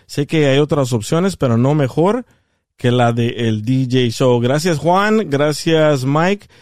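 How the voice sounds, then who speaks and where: A man's voice: on the high side, takes it slowly, no room sound, clean studio sound. A male radio host, telling a funny personal story and laughing as he goes. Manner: laughing, animated storytelling with slang. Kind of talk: comic storytelling on a call-in radio show. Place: radio studio.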